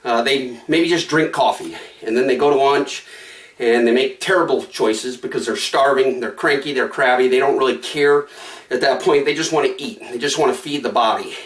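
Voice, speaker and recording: A man talking casually in a quick, conversational way, slightly out of breath mid-workout in his home gym, repeating phrases for emphasis as he pitches a product. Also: a bit bright, reverberant, far from the mic. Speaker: product promoter. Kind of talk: casual sales pitch to camera.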